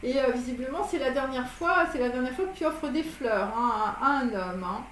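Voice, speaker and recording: A woman's voice: high-pitched, moderate pace, a bit bright. A woman giving a casual tarot reading to viewers, rambling with many fillers and restarts. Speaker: tarot reader. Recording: echoey room with faint noise.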